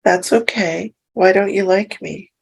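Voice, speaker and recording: A woman leading a hypnosis session, speaking softly and reassuringly as she gently asks questions. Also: medium pitch, gravelly, slightly rough, low-quality recording. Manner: soft, slow and soothing, reassuring. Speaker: hypnosis practitioner.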